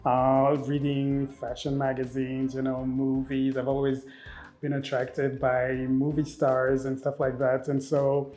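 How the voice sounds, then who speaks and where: A man in his thirties from Rwanda who grew up in Belgium, a makeup artist speaking casually in an interview, expressive and often repeating words as he thinks. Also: medium pitch, unhurried, soft background music. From Rwanda, raised in Belgium.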